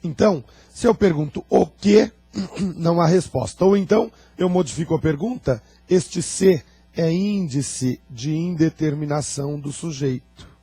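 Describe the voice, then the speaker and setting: A man's voice: a little high, unhurried, dark tone, breathy edge, dry recording, soft background music. A man with a Brazilian accent teaching a Portuguese grammar lesson for exam prep, asking his students questions and teasing them dryly.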